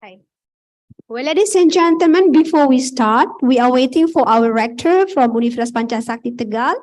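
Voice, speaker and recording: A woman's voice: high voice, a little fast, a little mellow. A woman moderating an online meeting, polite and hesitant, often laughing. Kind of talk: hosting a video call meeting.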